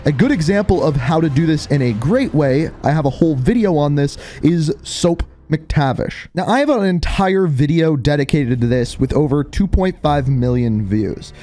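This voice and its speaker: Mellow, higher-pitched man reviewing games. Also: lively intonation, normal speed, few pauses. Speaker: video game reviewer. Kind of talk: scripted video essay narration. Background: background music.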